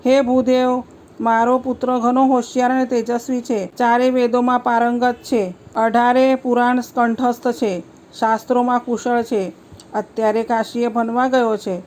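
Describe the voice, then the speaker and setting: A woman's voice: on the high side, level tone, normal speed, a little mellow, slight background noise, lightly acted. A woman voicing an elderly Brahmin man earnestly proposing a marriage, in a told folk story.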